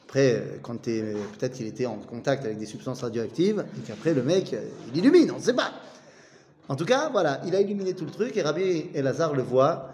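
Lively man teaching in a reverberant room. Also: medium pitch, a little fast, slight background noise. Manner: reads Aramaic, then retells it in chatty, joking French. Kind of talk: casual Talmud study lesson.

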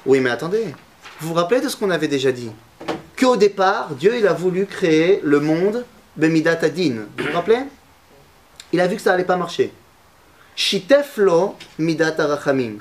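A man's voice: on the high side, lively intonation, normal speed, a little hiss or hum. A man teaching a Torah lesson to a class, asking his students questions and mixing Hebrew terms into his talk.

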